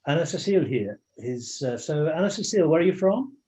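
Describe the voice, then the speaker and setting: With big pitch swings and a warm, fairly high voice, an English man talks a little fast as he welcomes people to his online meeting. His chat is casual and he often restarts sentences, and the audio is muffled video call sound.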